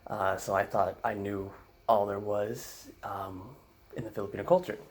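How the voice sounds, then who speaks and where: A man's voice: lowish voice, little pitch movement, moderate pace, a little mellow. A man from the United States telling a comic family story, rambling with fillers and frequent "right?" asides. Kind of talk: comedic storytelling.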